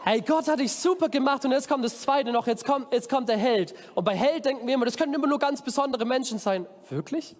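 A man preaching a lively children's sermon at a camp, energetically calling out to his young audience from a stage. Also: very high voice, a little fast, hardly any pauses. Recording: long hall reverb.

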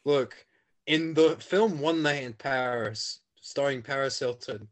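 A man co-hosting a podcast, riffing in deadpan mock-critic bits in casual comedic chat. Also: mid-range voice, unhurried. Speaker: podcast co-host.

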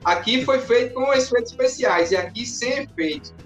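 A man, a podcast guest in casual chat, who tells his stories in an animated way and acts out the scenes. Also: extremely high pitch, moderate pace, soft background music. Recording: roomy echoey room.

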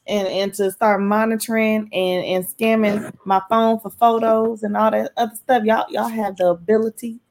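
Exasperated woman bantering, mid-pitched. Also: level tone, moderate pace, a little mellow. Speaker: podcast co-host. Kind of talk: casual chat.

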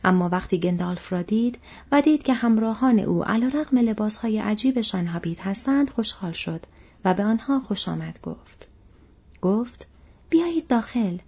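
A woman reading an audiobook aloud, soft and measured, her voice husky and breathy. The recording sounds dull and lo-fi. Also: medium pitch, animated. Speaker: audiobook narrator.

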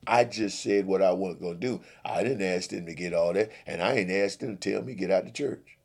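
A man's voice: sits low, a little fast, gravelly, darkish tone. A man voicing a stubborn, hot-tempered grown man who keeps repeating himself defiantly. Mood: indignant.

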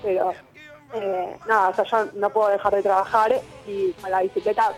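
A woman's voice: mid-range voice, normal speed, soft background music. A woman in her twenties with a Rioplatense accent, calling into a radio show and chatting casually. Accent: Rioplatense Spanish. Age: 20s. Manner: chatty, relaxed. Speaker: caller. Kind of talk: casual phone chat.

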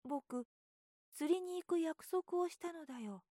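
A woman voicing an eager, worried young boy in a soft, hushed voice while reading a storybook aloud. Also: expressive, a little slow, dry recording, studio quality. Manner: soft, raised pitch, hushed.

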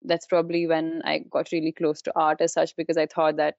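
A woman's voice: sits low, completely flat delivery, a little fast, vocal fry, darkish tone. A young woman from Kashmir with a Kashmiri Indian accent, chatting informally as an interview guest and peppering her talk with "like" and "you know". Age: young adult. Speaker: interview guest, university student. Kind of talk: casual conversational interview. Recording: dull, roomy, echoey sound.

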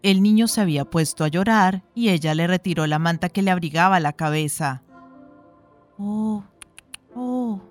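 Low-voiced woman reading a story aloud. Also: fairly quick, few pauses, faint music behind. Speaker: audiobook narrator. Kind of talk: scripted narration of a short story.

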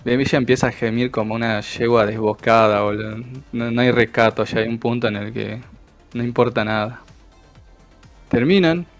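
Argentine male game master, colourful slangy narration, creaky gravelly tone. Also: medium pitch, moderate pace, soft background music. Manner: vivid, slangy storytelling.

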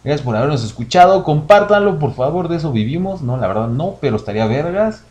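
A man's voice: on the high side, expressive, quick pace, darkish tone, highs cut off. A young man with a Mexican Spanish accent, co-hosting a podcast in a crude, joking casual chat. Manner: crude joking, laughs a lot. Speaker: podcast co-host.

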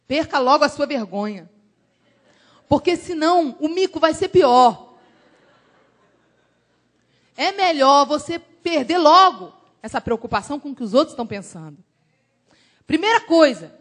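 A woman from Brazil, a missionary preaching a sermon in an animated, emphatic storytelling way. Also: sits high.

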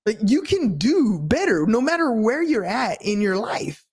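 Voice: mid-range voice, big pitch swings, unhurried, a little mellow, breathy edge. A podcast co-host talking casually and motivationally, earnest and rambling, often checking that the listener agrees.

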